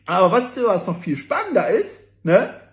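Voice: mid-range voice, sing-song, moderate pace, roomy sound. A commentator reading out a newspaper article, mocking it in a sarcastic tone and talking straight to the audience. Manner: sarcastic and mocking, laughing at the text. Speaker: political commentator.

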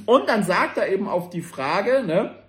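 Mocking political commentator, animated delivery, echoey room. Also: medium pitch, normal speed. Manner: sarcastic and mocking, laughing at the text; speaks straight to the audience. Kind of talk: casual commentary reading out a newspaper article.

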